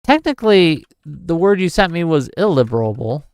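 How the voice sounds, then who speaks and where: Speaking at a normal pace, a man in his forties with a fairly high, very animated, smooth voice and a darkish tone runs a livestream. He chats casually about politics, reads out and answers questions from his chat, and thinks aloud. The studio sound is clean, with no echo.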